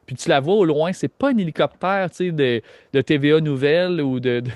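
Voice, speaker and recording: Rambling Québécois game master, dry sound. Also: male voice, on the high side, brisk, darkish tone, dry recording. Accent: Québécois French. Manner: rambling, hesitant, full of filler. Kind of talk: narrating a tabletop game.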